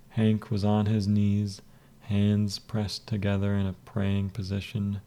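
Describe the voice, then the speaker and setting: Slow, dark-voiced male storyteller. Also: on the low side. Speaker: narrator. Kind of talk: scripted story narration.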